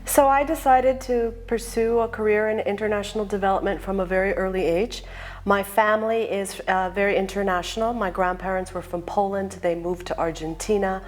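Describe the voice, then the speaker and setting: A woman's voice: medium pitch, steady tone, a little fast, faint music behind. A woman, working in international development, giving a composed interview answer. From United States. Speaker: development official.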